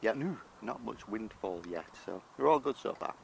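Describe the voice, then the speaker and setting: A man's voice: on the low side, expressive, moderate pace, creaky, noisy background. Chatty British man touring his allotment. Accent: British English. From United Kingdom. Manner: chatty, self-deprecating, talks while eating. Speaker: allotment vlogger. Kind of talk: casual garden vlog walk-through. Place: outdoor allotment garden.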